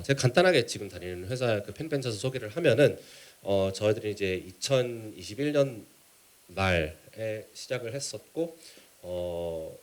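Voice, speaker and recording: A man with a Korean-American accent gives a conference presentation in a halting, measured way, mixing in English business terms. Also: on the low side. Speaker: keynote speaker, startup mentor.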